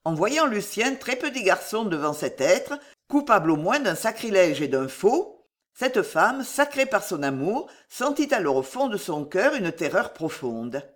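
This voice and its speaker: A narrator reading a classic novel aloud in an expressive, theatrical way. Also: mid-range voice, measured pace.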